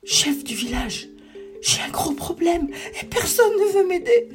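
A tiny, hungry salamander from a storybook, begging each animal politely for help, voiced by a narrator. The voice sits high and swoops around. Soft music lingers behind. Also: sing-song, measured pace, full character voice. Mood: desperate. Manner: pleading, polite. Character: small hungry pleading salamander.

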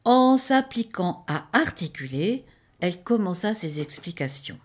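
A woman reading a children's story aloud in an expressive, dramatic way. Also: lowish voice, unhurried.

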